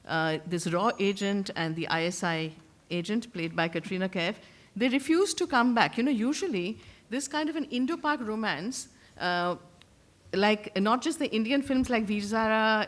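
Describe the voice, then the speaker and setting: A woman speaking analytically and without a script as a panellist in a public discussion. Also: mid-range voice.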